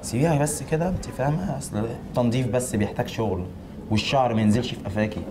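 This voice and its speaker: Rapid-talking Egyptian prankster, deadpan and provoking. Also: male voice, medium pitch, background noise. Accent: Egyptian Arabic. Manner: calm, provoking deadpan with insults. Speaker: hidden-camera prankster posing as a hairdresser. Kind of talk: hidden-camera prank. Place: hair salon.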